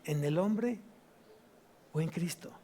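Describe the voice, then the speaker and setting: A man with a Mexican Spanish accent preaching a sermon at a church service, asking the congregation question after question and drawing out key words slowly. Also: fairly high pitch, expressive, mellow, slight background noise. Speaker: pastor.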